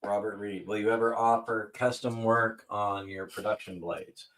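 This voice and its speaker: A man's voice: fairly low pitch, little pitch movement, moderate pace, a bit bright, recorded from a distance, rough recording. A man co-hosting a casual livestream, giving laid-back answers to viewers. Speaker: co-host of a knife company livestream.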